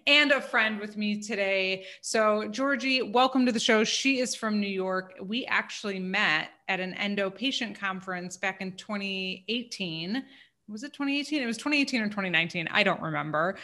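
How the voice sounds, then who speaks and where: A woman's voice: medium pitch, moderate pace, sharp tone. A woman hosting a podcast, opening the episode and chatting casually with her guest. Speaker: podcast host. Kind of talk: casual interview chat.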